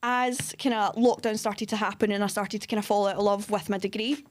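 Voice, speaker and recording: A woman's voice: mid-range voice, steady tone, brisk. Girl in her 20s, chatty, lots of ums, just telling her story on a podcast. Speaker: podcast co-host, fitness coach. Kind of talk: casual chat.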